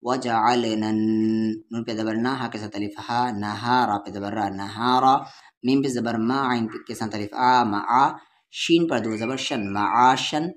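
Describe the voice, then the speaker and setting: A man's voice: on the low side, fairly even intonation. Patient male Quran tutor spelling syllables. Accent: Urdu-Hindustani. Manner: slow, patient spelling-out of syllables with drawn-out vowels. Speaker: Quran reading teacher. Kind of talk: letter-by-letter recitation lesson.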